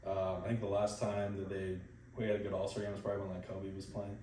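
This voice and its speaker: A man's voice: low-pitched, completely flat delivery, quick pace, warm tone, a little hiss or hum. A man in a casual sports chat, laid-back and opinionated. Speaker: podcast co-host. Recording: echoey room, mic at a distance.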